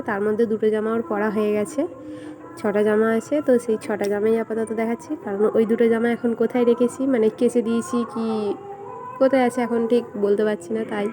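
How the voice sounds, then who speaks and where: A young woman vlogger chatting casually and speaking softly at home so her sleeping son stays asleep. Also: a little high, flat delivery, fast talker, noisy background. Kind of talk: casual vlog chat. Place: at home indoors. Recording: home recording with music playing nearby. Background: fair music playing nearby.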